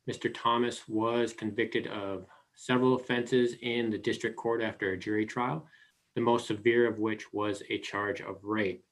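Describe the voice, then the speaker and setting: An American man giving a formal legal argument as an attorney, in a deliberate, explanatory manner. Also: medium pitch, low-quality recording. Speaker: defense appellate attorney.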